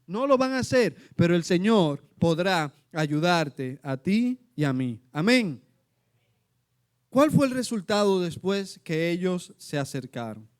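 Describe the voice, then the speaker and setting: A middle-aged man preaching a sermon, animated, acting out the lines he quotes. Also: sits high, smooth.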